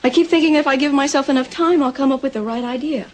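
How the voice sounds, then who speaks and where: A woman's voice: high voice, quick pace, slight background noise, close to an everyday voice, rough recording. An actress playing an anxious, proud young pregnant woman in a 1980s soap opera, talking hesitantly with stumbling restarts. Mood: anxious, defensive.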